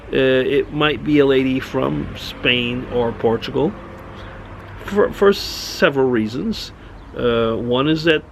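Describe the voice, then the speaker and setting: A man's voice: mid-range voice, gravelly, a little hiss or hum. A middle-aged man from Switzerland rambling in a casual monologue, restarting often as he thinks aloud. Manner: rambling, musing, many restarts. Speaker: vlogger.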